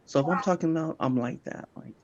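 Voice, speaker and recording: A softly spoken man chatting casually and a little hesitantly, repeating himself, on a handheld phone. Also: a little high, brisk, gravelly. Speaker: guest on a live group chat stream. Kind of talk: casual chat. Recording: muffled, noisy phone audio with clicks.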